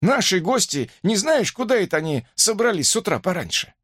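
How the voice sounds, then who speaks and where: A man's voice: high voice, big pitch swings, a little fast, a bit bright, breathy edge, no room sound, studio quality, voice pushed up, full character voice. A man voicing a shrewd older cowboy detective who coaxes with a raised, overly friendly tone. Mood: coaxing.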